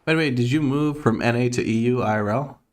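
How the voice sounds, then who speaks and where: A man's voice: mid-range voice, fast talker. A man from Croatia with an American accent, chatting casually on a live gaming stream, reading chat aloud, laughing often and swearing offhandedly.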